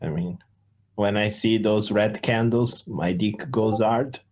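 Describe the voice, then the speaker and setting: A project founder with an Italian accent hosts a casual community Q&A over a voice call, chatting easily and saying "uh" often. His voice is fairly low and darkish, and he speaks slowly.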